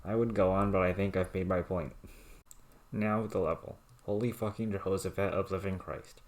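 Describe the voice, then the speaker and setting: Man, low-pitched voice, monotone, deadpan, reading aloud from written rants. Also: normal speed.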